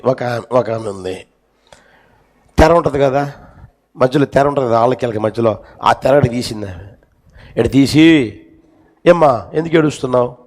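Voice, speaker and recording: A man preaching a sermon in a church, telling stories with passion and repeating his phrases. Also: mid-range voice. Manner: impassioned storytelling, repeated phrases. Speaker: pastor.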